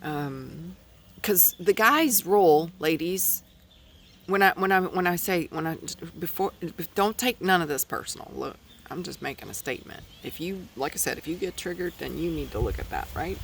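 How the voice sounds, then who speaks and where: A man's voice: a little high, expressive, normal speed, gravelly, fairly bright tone, poor audio. A man hosting a podcast in a rambling opinion monologue, hesitant and blunt, recorded outdoors in the wind. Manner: hesitant, many fillers and restarts, blunt opinions. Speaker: podcast host.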